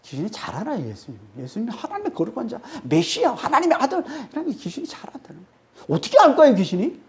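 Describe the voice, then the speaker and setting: Against slight background noise, a woman preaches fast in a darkish, slightly high voice with wildly swooping pitch. Her expository sermon is emphatic, repeating key phrases and regularly adding a prompting "eh?" to check in.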